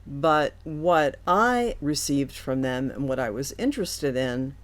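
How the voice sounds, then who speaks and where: Female beauty reviewer, deep register, unhurried delivery, slightly lisped, cottony articulation. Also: animated. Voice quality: slight lisp, as if cotton in the mouth. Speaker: YouTube beauty and hair product reviewer. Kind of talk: sponsored product review to camera.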